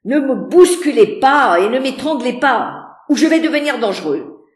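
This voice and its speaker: A commanding middle-aged gentleman, brusque and forceful in his clipped orders, as a woman reads him aloud. He is unhurried and the sound is roomy and echoey. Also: medium pitch, expressive. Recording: roomy echo.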